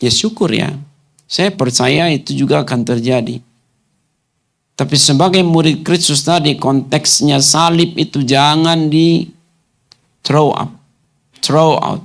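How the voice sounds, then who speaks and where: A man's voice: on the high side, unhurried, vocal fry, long pauses. Indonesian-speaking male pastor preaching. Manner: rhetorical questions to the congregation, rising to shouted commands. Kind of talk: sermon. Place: church hall.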